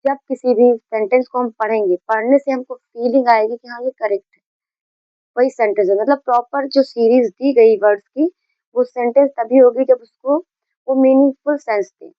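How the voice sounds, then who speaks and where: A woman's voice: on the high side, fairly even intonation, moderate pace, no room sound, highs cut off. A woman teaching a grammar lesson, explaining patiently, repeating key points and mixing in English terms.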